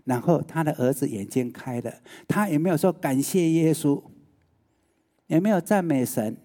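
A man's voice: on the high side, animated, normal speed, warm tone. A male preacher, giving a sermon and often putting rhetorical questions to the listeners.

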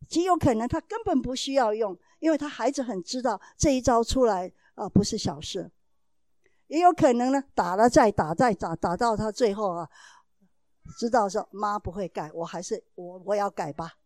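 A woman's voice: a little high, darkish tone, no echo. A mother giving a talk to parents, telling a family story in an earnest, explaining way and acting out the dialogue in changing voices.

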